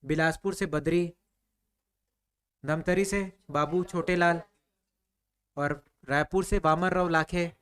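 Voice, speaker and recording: A man teaches a history class. His voice sits high and sounds clean and smooth. He fires off questions and answers them himself, with a casual, chatty flow. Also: fairly even intonation, takes it slowly, long pauses, fairly bright tone. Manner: quizzing students, answering his own questions; conversational, repeats "ठीक है" often.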